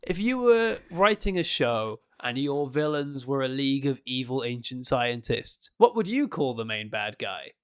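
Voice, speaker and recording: A man co-hosting a podcast in casual chat, animated and joking, often breaking into laughter. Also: mid-range voice, moderate pace, few pauses, clean tone. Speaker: podcast co-host.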